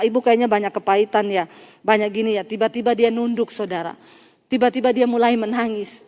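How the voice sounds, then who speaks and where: High-voiced woman pastor preaching in a hall. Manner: animated, addresses congregation as Saudara, acts out dialogue. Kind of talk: storytelling sermon. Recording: long church hall reverb.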